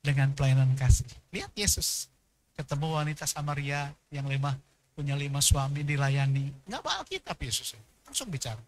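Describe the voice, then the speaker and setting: A male pastor, preaching a sermon in an animated storytelling manner and acting out the people in his stories. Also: mid-range voice, moderate pace, dry recording.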